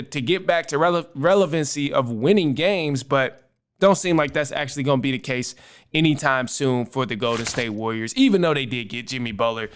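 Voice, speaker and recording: Man, high voice, sports show host, casual commentary, slangy, emphatic repetition. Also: smooth.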